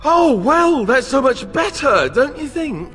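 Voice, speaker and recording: A man's voice: mid-range voice, very animated, measured pace, a bit bright, slightly rough, soft background music, heavily acted. An actor playing a boyish, sarcastic young king-to-be in a fantasy game, joking and exasperated, in a reverberant space. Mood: sarcastic outrage. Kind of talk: dramatic fantasy game dialogue. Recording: long reverberant hall echo.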